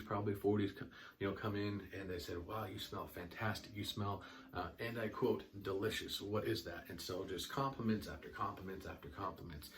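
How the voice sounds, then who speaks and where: A man's voice: on the low side, far from the mic. A young man chatting casually and enthusiastically while reviewing a fragrance, with lots of ums and restarts.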